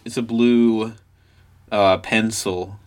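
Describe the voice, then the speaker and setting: A young Australian man co-hosting a comedy podcast, quick and playfully provocative, often laughing. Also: lowish voice, steady tone, darkish tone. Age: young adult. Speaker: podcast co-host. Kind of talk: casual comedy chat.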